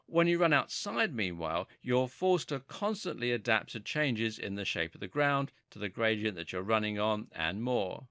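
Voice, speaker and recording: Male narrator for scripted fitness explainer: articulate, animated pitch movement, dry studio-like sound. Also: normal speed, hardly any pauses, smooth, no room sound.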